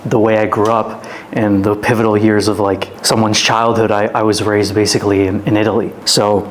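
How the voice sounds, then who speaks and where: A twenty-something Canadian man who works as a fitness influencer shares his life story as a podcast guest. He speaks fairly quickly in a lowish voice with little pitch movement, over a little hiss or hum. It's a casual storytelling interview, and his telling wanders, heavy on fillers like "like."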